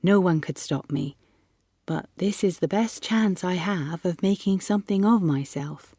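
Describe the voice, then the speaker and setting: A woman voicing an earnest, soft-spoken farm boy. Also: fairly low pitch, a little slow, breathy edge, no room sound, studio quality.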